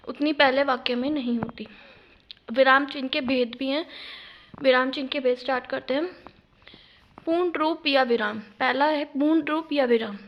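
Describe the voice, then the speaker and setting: A woman's voice: high-pitched, dull audio. A young woman teaching a grammar lesson on her own channel, explaining terms step by step and reading out example sentences. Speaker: YouTube teacher.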